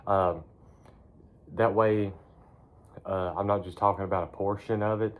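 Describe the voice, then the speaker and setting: A man's voice: fairly low pitch, fairly even intonation, unhurried. A man chatting casually to his phone in a barn, rambling in a laid-back, folksy way with casual cursing. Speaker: vlogger. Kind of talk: casual rambling chat to camera.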